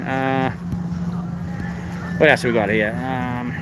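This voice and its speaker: A man's voice: mid-range voice, little pitch movement, slow. A man with an Australian accent, his voice muffled by a face mask, chatting casually as host of a live vlog and greeting viewers. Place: outdoors at a theme park. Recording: outdoor ambient noise, vehicle sounds.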